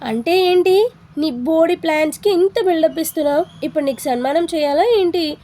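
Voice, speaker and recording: A woman's voice: very high-pitched, a little fast, dark tone. A woman voicing a hot-tempered young boss. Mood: stern. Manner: scolding, stern.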